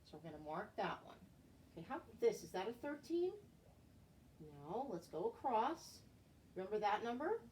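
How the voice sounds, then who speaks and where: A woman's voice: medium pitch, very animated, normal speed, long pauses, a little mellow. A middle-aged woman leading a counting lesson for young children like a kids show host, with simple guiding questions and repeated key words, recorded at home. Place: living room at home. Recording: clear background room noise, home recording.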